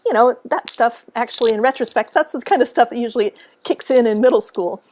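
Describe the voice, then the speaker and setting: A woman telling a story to camera in a relaxed, animated way, acting out what people said and laughing along the way. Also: on the high side, fairly quick. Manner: animated, acts out quotes, laughs often. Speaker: author and speaker. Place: at home.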